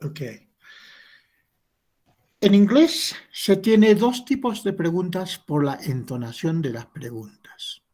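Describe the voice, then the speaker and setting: Male teacher, husky voice, slow patient delivery, classroom lesson. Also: high-pitched, expressive, darkish tone. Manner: slow, patient explaining with modeled English phrases. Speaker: English teacher.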